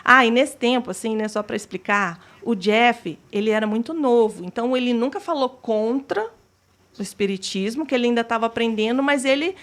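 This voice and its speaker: A woman's voice: fairly high pitch, fairly quick, fairly bright tone. A woman telling her personal testimony as an interview guest, acting out the dialogue she recalls. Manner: retells scenes by acting out quoted dialogue.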